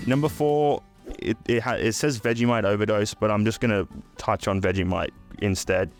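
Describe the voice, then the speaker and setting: A man's voice: on the low side, steady tone, normal speed, soft background music. A man in his twenties, from the UK and raised in Australia, chatting in a crude, sarcastic comedic vlog. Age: 20s. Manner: crude, sarcastic, swears freely. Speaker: YouTuber.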